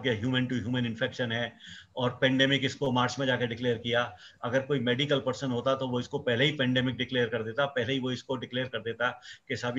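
A man's voice: mid-range voice, a bit bright. A male microbiology professor explaining at length in an interview, emphatic and mixing in English phrases. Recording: dull lo-fi sound.

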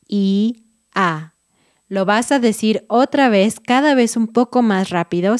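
A woman's voice: mid-range voice, a little mellow, no room sound, studio quality. A young woman with a Mexican Spanish accent teaching a pronunciation lesson, drawing out each vowel with exaggerated mouth shapes.

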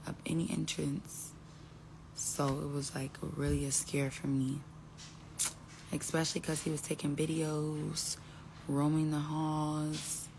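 The voice is low-pitched, creaky and darkish, belonging to a young woman rambling casually on a live stream from indoors at home. She speaks into a phone held close as a selfie, often trailing off, and the poor audio carries a little hiss or hum.

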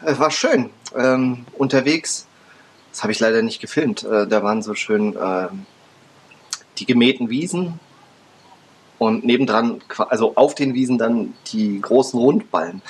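A man's voice: medium pitch, slight background noise. A man in his thirties chatting casually to camera in a rambling, hesitant way, recorded in a room at home. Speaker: vlogger. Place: furnished attic room at home.

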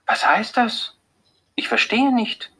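A nervous young wife, as a male narrator puts her on, her lines pushed high above his usual voice. The tone is soft and a touch breathless, with a husky edge throughout. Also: slow, heavily acted. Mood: bewildered. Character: anxious young wife, quiet and easily shaken. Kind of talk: audiobook character voice.

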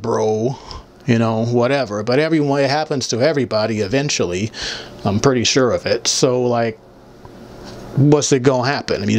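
A young man talking into a handheld mic in a small room as he answers viewer comments. His talk is blunt, crude and rambling, and he mocks as he goes. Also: mid-range voice. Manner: blunt, profane, rambling and mocking. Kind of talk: casual, crude monologue. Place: small indoor room with photo-covered wall. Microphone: handheld microphone held close.

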